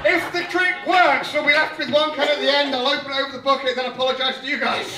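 Young male comic magician, cheeky and playful, live theatre sound, high-pitched. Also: steady tone, fast talker, background noise. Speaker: stand-up comedian and magician. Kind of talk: live stage patter with audience. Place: theatre stage with live audience. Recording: roomy live hall miked from far, loud crowd.

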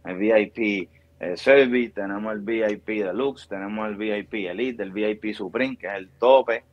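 A man's voice: lowish voice, normal speed, dry recording, lo-fi sound. A man in his thirties with a Puerto Rican accent, a barbershop founder explaining his business at length in a video call interview. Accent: Puerto Rican Spanish. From Puerto Rico. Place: small room with a bare grey wall. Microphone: video call mic.

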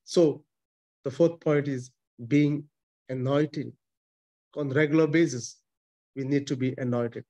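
Warm and steady, this medium-pitched voice moves slowly with long pauses. It's a priest in his forties with an Indian accent, not a native English speaker, preaching via video call from a small chapel on a close webcam. The sermon is emphatic and repetitive, with restarts and gestures.

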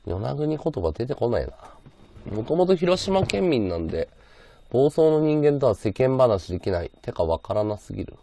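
A man's voice: mid-range voice, big pitch swings, moderate pace, vocal fry, warm tone. A man streaming live, chatting casually and answering his viewers' comments aloud. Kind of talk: casual livestream chat.

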